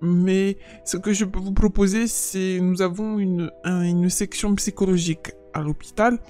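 A woman voicing a calm hospital receptionist who speaks politely and hesitantly. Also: medium pitch, soft background music, close to an everyday voice. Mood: gentle formal. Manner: polite, measured, hesitant consoling. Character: calm female hospital receptionist, gentle and formal. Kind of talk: game role-play voice acting.

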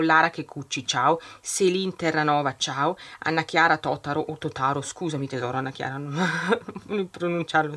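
A woman's voice: low voice, fairly bright tone, breathy edge. A woman vlogging casually at her desk, chatting to viewers as she decorates her planner and opens a surprise bag. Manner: chatty, talks to viewers while working with hands. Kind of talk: casual planner vlog with unboxing. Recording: home recording with background noise and clicks.

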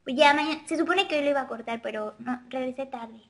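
Webcam host, woman, high girlish voice, chatty and quick. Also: vocal fry, fairly bright tone. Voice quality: childlike girlish voice. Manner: chatty, girlish, reads out and answers viewer comments. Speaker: vlogger answering viewer questions live. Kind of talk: casual webcam live chat. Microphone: webcam mic.

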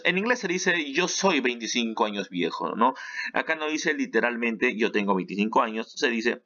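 A man's voice: mid-range voice, pushed and bright, dull audio. A man, teaching an online English lesson in a chatty way that keeps checking in with the listener. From Peru. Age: 30s.

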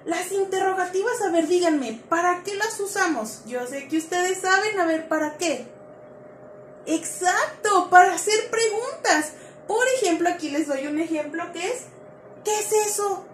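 Teaching grammar to small children, a very high-voiced woman speaks a little slowly, coaxing them along with liveliness and repeated questions to the class. The audio is echoey, like a bare room, and carries a little hiss or hum.

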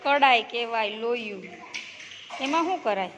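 High-voiced teacher coaxing small children. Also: female voice, animated, measured pace. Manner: coaxing, repeats questions, praises answers. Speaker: preschool teacher. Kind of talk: classroom questioning of small children. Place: village preschool classroom. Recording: noisy classroom recording.

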